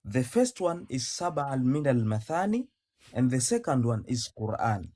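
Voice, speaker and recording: A man's voice: mid-range voice, big pitch swings, rapid-fire, warm tone. A man from Tanzania, debating religion on a call, who talks insistently, repeats himself and recites Arabic verses. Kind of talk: heated debate.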